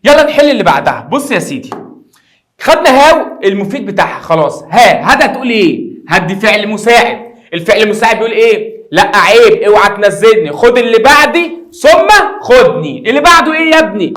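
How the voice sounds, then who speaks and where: A man with an Egyptian Arabic accent explaining English grammar in a lively, teasing classroom style, speaking directly to his students. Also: high-pitched, fast. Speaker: English teacher.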